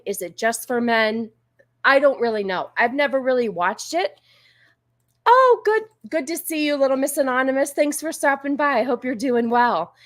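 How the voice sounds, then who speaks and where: Higher-pitched woman, rambling casual livestream host. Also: no echo, clean studio sound. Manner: informal, rambling, easily sidetracked. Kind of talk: casual chat with live viewers.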